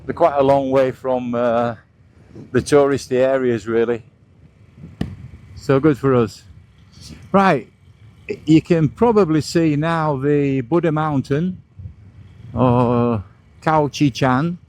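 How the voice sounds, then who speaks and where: Slow and mellow, with long pauses, a medium-pitched male vlogger narrates his motorcycle ride along outdoor roads. His chatty, guide-like remarks compete with wind and passing vehicles.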